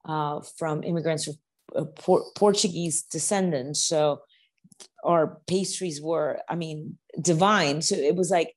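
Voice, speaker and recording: A woman's voice: sits low, fairly even intonation, measured pace. A middle-aged woman from the United States, talking casually as an interview guest, with many restarts and repeated words.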